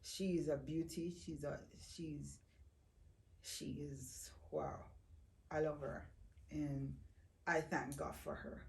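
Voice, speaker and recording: A woman guest slowly and reflectively telling her life story in an interview, often speaking of her faith. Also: sits low, fairly even intonation, gravelly, a little mellow, distant mic. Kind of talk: personal testimony interview. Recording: roomy echo, voice off-mic.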